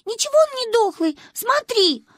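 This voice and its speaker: A woman voicing an excitable, bold little girl who chatters shrilly and insistently. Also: very high-pitched, normal speed, no room sound, studio quality, voice pushed up. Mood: excited, pleading.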